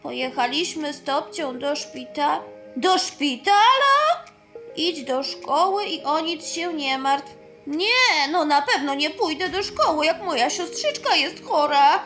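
A woman's voice: sits high, big pitch swings, slow, fairly bright tone, faint music behind, heavily acted. A woman voicing a young boy, a caring but awkward older brother who speaks hesitantly. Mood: concerned.

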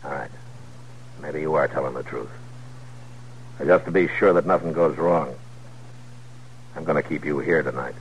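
An actor playing a steady, skeptical American frontier marshal, terse and authoritative, in a 1950s radio western. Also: male voice, very deep voice, normal speed, vocal fry, pauses often. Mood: firm, measured. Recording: muffled, noisy 1950s radio recording.

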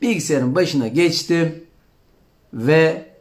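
A man's voice: fairly high pitch, slow. A man talking on a live stream, coaching exam candidates with an earnest personal story, often calling his listeners friends and answering viewer comments.

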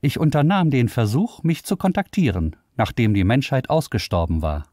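A man's voice: mid-range voice, sing-song, normal speed, darkish tone, dry recording, clean studio sound, pitched above the performer's own voice, natural voice. A man voicing a self-aware male AI computer that speaks tonelessly and matter-of-factly, both boastful and lonely.

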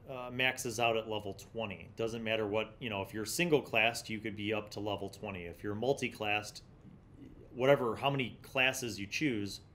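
This is the host of a tabletop gaming review series, a middle-aged man with a slightly bright voice, who comments deliberately and reads excerpts from a magazine. He's at a desk with a large condenser microphone in a small indoor studio with a block wall, and a faint low rumble is audible.

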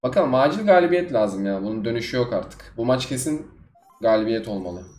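A man giving live commentary on his own gameplay as a gaming YouTuber, swinging between low muttering and sudden outbursts. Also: lively intonation, brisk, a little mellow, slight background noise. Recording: echoey room with faint music.

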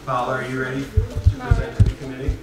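A man with an American accent moderates with playful formality and an animated, varied pitch. He is heard at a distance in a very reverberant room. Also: rapid-fire, over loud music. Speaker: committee chair in a mock debate. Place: committee room with audience. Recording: very echoey hall, distant microphone.

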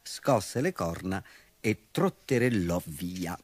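A man narrating a children's story as a storyteller, in an expressive, unhurried way. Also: deep voice, noisy background.

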